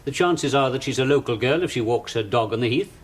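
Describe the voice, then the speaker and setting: A middle-aged actor playing a patient, probing police detective who questions a suspect in a 1970s television police drama. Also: male voice, mid-range voice, brisk, breathy edge. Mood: firm. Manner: calm, probing, coaxing then pressing.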